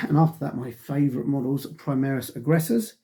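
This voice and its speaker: Still recovering from a cold that has his voice fading, a middle-aged man chats through a wargaming magazine review, wandering off topic, sighing a lot and saying um often. His mid-range voice is dark and husky with vocal fry, fairly even in intonation and a little fast.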